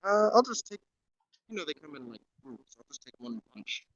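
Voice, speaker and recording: A man taking part in a tabletop role-playing game, musing over what his character does next. His pitch swings freely, and the sound is close and dry with no room echo. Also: big pitch swings, moderate pace, a bit bright, dull audio. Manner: hesitant, thinks aloud. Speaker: player.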